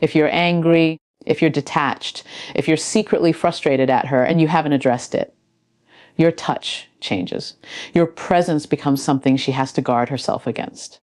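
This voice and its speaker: A woman giving an earnest motivational speech, speaking slowly and intimately with dramatic pauses. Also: low-pitched, darkish tone, dry recording, clean studio sound. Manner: earnest, intimate tone addressed to men.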